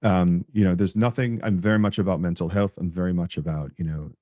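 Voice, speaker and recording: A man as a guest on a podcast, chatting casually and telling animated stories, laughing often. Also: sits low, fairly quick, no echo, highs cut off. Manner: animated storyteller, laughs often, acts out coworkers' lines. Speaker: podcast guest, tech director. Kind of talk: casual interview chat.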